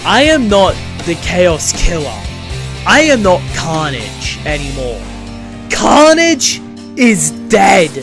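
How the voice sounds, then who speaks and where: A brooding wrestler, put on by a man, speaks very slowly and solemnly, and his pitch rises and falls. Faint guitar music plays behind him. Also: sing-song, heavily acted. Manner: slow, solemn, dramatic.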